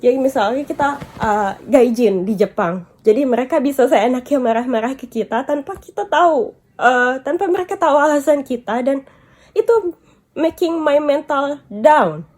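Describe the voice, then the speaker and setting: A woman's voice: high voice, animated, normal speed, darkish tone. A woman vlogger venting about being scolded, upset and tearful at times, mixing English and Japanese words into her talk. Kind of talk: emotional storytime vlog.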